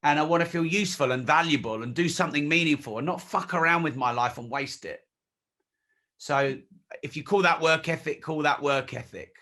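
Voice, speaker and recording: Man, forties, slightly high voice, bright and forceful tone, blunt, swears a lot. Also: fairly quick. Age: 40s. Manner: emphatic, blunt, swears freely. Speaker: interview guest. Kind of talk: candid conversational interview.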